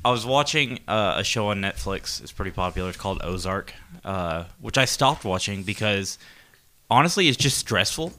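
Podcast co-host, man, deep bright voice, rambling and profane in casual chat. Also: expressive, moderate pace. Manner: rambling, profane, explaining at length.

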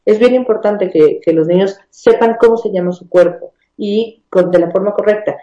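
Mexican woman, educator type, mellow tone, conversational explainer, echoey room. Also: medium pitch, normal speed, muffled recording. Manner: explanatory, many restarts and tag questions.

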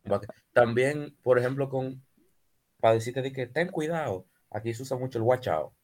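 A man with a Dominican accent, co-hosting a casual podcast chat in a joking, animated way, often repeating words. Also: medium pitch, moderate pace. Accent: Dominican Spanish. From Dominican Republic. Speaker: podcast co-host.

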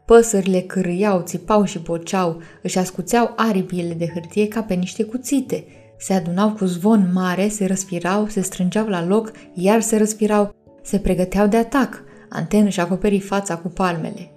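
A woman reading a bedtime story aloud, gently addressing her young listeners. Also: medium pitch, steady tone, faint music behind.

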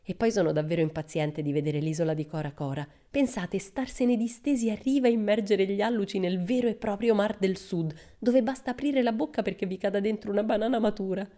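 A woman's voice: medium pitch, brisk, hardly any pauses, mellow, pitched above the performer's own voice, natural voice. A woman voicing a boisterous, cheerful young girl adventurer who keeps exclaiming with delight, in a storybook reading. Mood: exuberant. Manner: exuberant, exclaiming.

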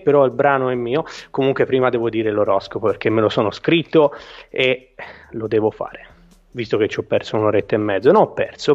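Halting male radio host in a small room. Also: mid-range voice. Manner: halting, rambling, self-correcting. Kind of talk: casual live radio chat. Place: small room at home, not a proper studio. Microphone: home microphone with headphones. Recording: dull small-room home broadcast, slight echo.

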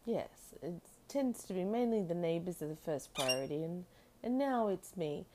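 A woman podcast host chatting casually and intimately to her pet bird, doting and rambling, with soft tag questions. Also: fairly low pitch, lively intonation, normal speed, a little hiss or hum.

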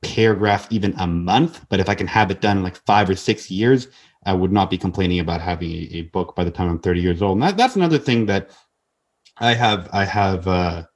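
A man in his twenties with a deep voice talks a little fast as a podcast guest. He speaks earnestly in casual conversation, often restarting and repeating words.

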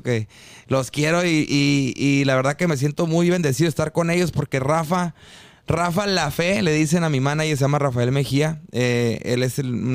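A man's voice: mid-range voice, smooth, dry recording. A man with a northern Mexican accent, telling anecdotes casually in informal, slangy talk as a podcast guest. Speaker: guest singer.

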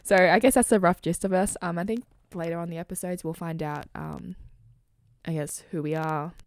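A young Australian woman in her twenties co-hosts a chatty podcast, her voice sitting a little low. She talks loosely with filler words and jokes at her own expense. The recording is close and dry. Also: steady tone, normal speed, dry recording. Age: 20s. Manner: joking, self-deprecating, many fillers. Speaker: podcast co-host. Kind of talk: casual chat.

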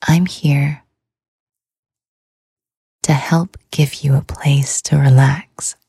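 A woman hosting a sleep podcast, talking in a soft, soothing whisper. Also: extremely low pitch, flat delivery, slow pace, vocal fry, slightly rough, no room sound. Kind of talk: whispered ASMR sleep talk.

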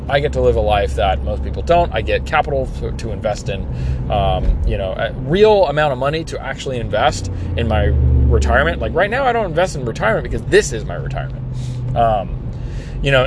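A man in his thirties, a small business owner, rambling through his plans in a casual vlog with many fillers and restarts. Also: mid-range voice. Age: 30s. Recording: outdoor street noise.

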